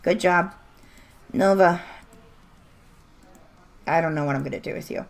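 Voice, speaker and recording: A woman's voice: sits low, fairly even intonation, rapid-fire, vocal fry. A woman chatting casually and bluntly while streaming a game, laughing often and starting to lose her voice. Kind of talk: casual livestream chat while gaming.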